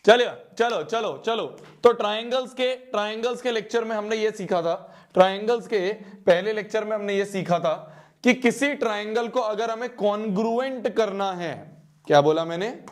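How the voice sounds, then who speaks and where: A man's voice: sits high, moderate pace. A man teaching a live online maths class with a Hindi accent, joking with students and repeating his phrases. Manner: playful teasing, repeats phrases, calls out students by name.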